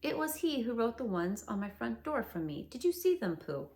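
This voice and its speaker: A woman's voice: on the high side, big pitch swings, moderate pace, darkish tone. A woman doing a pompous, wordy owl. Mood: chatty. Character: pompous wordy male owl, self-important.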